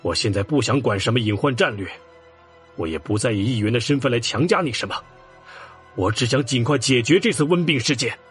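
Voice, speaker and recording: An actor playing a stern, angry middle-aged councillor in an audio drama. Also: male voice, mid-range voice, expressive, brisk, faint music behind, lightly acted.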